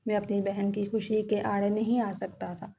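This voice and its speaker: A woman's voice: mid-range voice, flat delivery, vocal fry, dark tone. A woman giving an earnest, emotional scripted narration of a first-person moral story.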